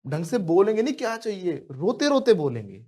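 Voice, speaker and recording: A man from India leads a live English class. His voice sits somewhat high for a man. He teases students by name and keeps them repeating phrases in a lively drill. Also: brisk. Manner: playful and joking, calls on students by name, prompts repetition. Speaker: spoken English teacher.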